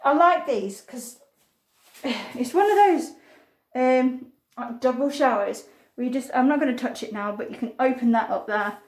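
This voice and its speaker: A high-pitched woman leads a property tour with chatty enthusiasm, talking straight to the viewer. She sounds slightly out of breath from wearing a mask. The recording comes from a handheld phone, moving between rooms and the garden. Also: lively intonation, unhurried, darkish tone, no echo. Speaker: estate agent. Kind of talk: walk-through property tour. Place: house and garden, indoors and outdoors.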